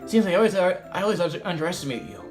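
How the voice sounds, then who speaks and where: Woman playing a young guy, voice pushed down low and gravelly, unhurried. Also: animated, loud music behind the voice, lightly acted. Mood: earnest. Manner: low, slow, put-on gravel. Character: young man trying a gravelly voice.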